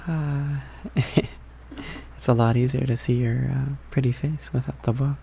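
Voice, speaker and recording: A young man playing an affectionate, playful, slightly needy boyfriend in a soft, hesitant, rambling ASMR ASMR role-play. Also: mid-range voice, fairly even intonation, measured pace, creaky, slight background noise. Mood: affectionate, teasing. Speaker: ASMR performer.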